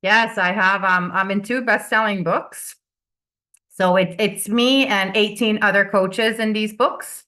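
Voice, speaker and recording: On a video call, a business coach guests in a casual interview chat, laughing a lot and repeating words whenever she starts speaking. She grew up in Venezuela, her first language is Finnish, and her medium-pitched voice is sharp and steady, with an unhurried pace.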